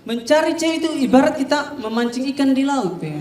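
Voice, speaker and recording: Stand-up comedian, high voice. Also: male voice, expressive, fast, a little mellow. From Wakatobi, Southeast Sulawesi, Indonesia. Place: comedy stage before a live audience. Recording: roomy live venue, distant mic, audience laughter.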